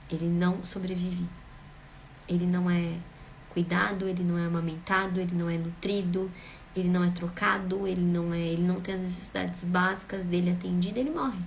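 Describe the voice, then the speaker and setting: A woman's voice: lowish voice, steady tone, fairly quick, gravelly, a little hiss or hum. Earnest woman giving emphatic parenting advice. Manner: earnest, emphatic, repeats phrases for rhythm. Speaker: parenting vlogger. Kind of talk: direct-to-camera parenting advice.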